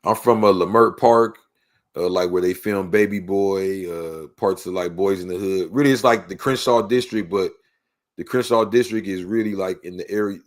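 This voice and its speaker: A man with a deep voice talks at a moderate pace, his Los Angeles accent clear. He's a podcast guest telling his own story, casual and slangy, peppering it with "you know what I mean."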